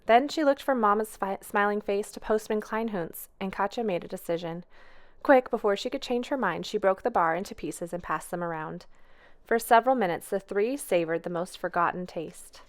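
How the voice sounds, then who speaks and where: A woman reading a children's picture book aloud. Her reading is gentle and expressive, unhurried, with a plain middle pitch. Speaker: storytime reader. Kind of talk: children's storybook read-aloud.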